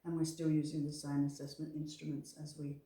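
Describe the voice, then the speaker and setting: A woman assessor and trainer gives a spoken briefing in a low, dark voice, speaking fairly quickly with little pitch movement. Her manner is reassuring and encouraging, and the recording sounds echoey, with a distant microphone.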